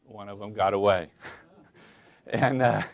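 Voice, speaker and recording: A man preaching a casual, chatty sermon in church, asking the congregation questions and filling pauses with "um" and "uh". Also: on the low side, fairly even intonation, vocal fry. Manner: folksy, chatty, many fillers, addresses listeners as y'all. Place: church sanctuary.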